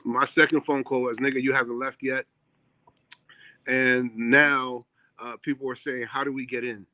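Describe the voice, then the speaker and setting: A theater owner and chef, middle-aged, originally from Puerto Rico but brought up in New York, speaks with a New York accent during a casual interview on a live call from his theater seat. Earnest and prone to ums and false starts, he talks at a normal speed in a level, mid-range voice that sounds pushed and bright, with no room sound at all.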